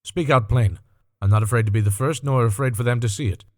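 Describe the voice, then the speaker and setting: A man's voice: mid-range voice, quick pace, a little mellow, no echo, clean studio sound, natural voice. A man voicing a bold, callous working-class woman thief in a storybook, with a brash, scornful, colloquial manner.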